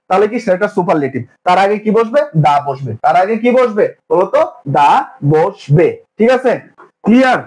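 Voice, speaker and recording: A man's voice: high-pitched, darkish tone, poor audio. A young man teaching an exam-prep grammar lesson, asking questions and answering them himself in repeated drills. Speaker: English teacher.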